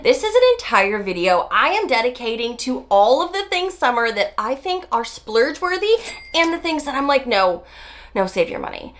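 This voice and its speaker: A beauty vlogger in her forties talks casually to camera, nasal from a summer cold. She is chatty and emphatic with drawn-out stresses, and her fairly high, fairly bright voice swings widely in pitch.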